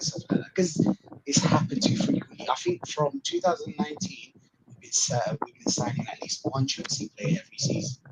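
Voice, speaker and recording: A man's voice: a little high, creaky. A man chatting casually on a livestream, ranting and repeating himself, heard through a crackling, distorted mic. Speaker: co-host on a fan livestream. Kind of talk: casual chat.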